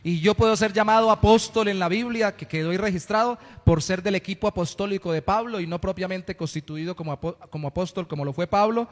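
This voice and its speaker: A man's voice: high voice, quick pace, hardly any pauses, big-room sound. A man from Colombia preaching a sermon in church, earnest and teaching, with playful asides. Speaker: pastor. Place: church hall.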